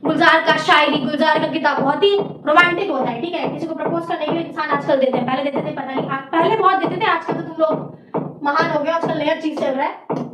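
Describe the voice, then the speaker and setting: A young woman with an Indian accent teaching an exam-prep class, speaking loudly and checking in often with her students. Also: high voice, steady tone, brisk, reverberant, far from the mic, crowd noise, poor audio. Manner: talks loudly over background noise, many "theek hai" checks. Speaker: coaching teacher. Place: teaching room near construction work.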